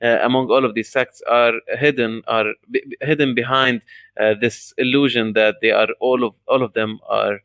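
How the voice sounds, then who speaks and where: A man's voice: mid-range voice, fairly even intonation, a bit bright, clean tone, no room sound. Guy cohosting a podcast, dry close mic, analytical, lots of uh's. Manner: fluent, many "uh" pauses, analytical. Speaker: podcast co-host. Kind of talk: podcast discussion.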